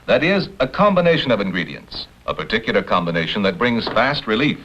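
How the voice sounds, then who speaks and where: A man's voice: sing-song, fairly quick, a bit bright, a little hiss or hum. Male announcer, 1960s commercial narration, emphatic sales delivery, varied intonation, dull vintage broadcast sound. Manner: emphatic, repetitive sales pitch. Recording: muffled, husky vintage broadcast audio.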